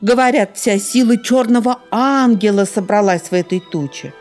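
A woman voicing a nosy, accusing female magpie in a storybook reading, with excitable exclamations. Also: mid-range voice, normal speed, faint music behind, voice pushed up, natural voice. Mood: indignant.

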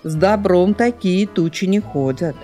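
Serious old male fox, read by a woman; grave, slow delivery. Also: on the low side, warm tone, soft background music, close to an everyday voice.

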